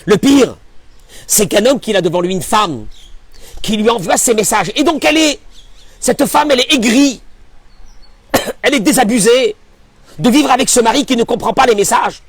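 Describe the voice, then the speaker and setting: A rabbi giving a Torah class in an emphatic, animated way, full of rhetorical questions. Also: male voice, very high voice, normal speed, long pauses, breathy edge, no room sound.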